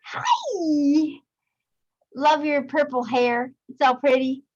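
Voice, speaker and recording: A woman hosting a casual online show, loud and bubbly, over a desk mic with a harsh, staticky edge. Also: high-pitched, animated, slow pace, lo-fi sound. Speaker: host. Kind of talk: casual video-call chat. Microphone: USB desk microphone.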